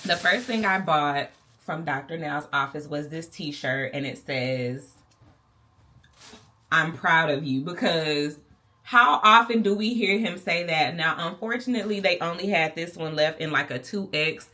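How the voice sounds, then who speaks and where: Texan woman vlogger, low-pitched and bright-toned, chatty to-camera talk with playful asides. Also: normal speed. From Texas. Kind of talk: casual vlog talk to camera.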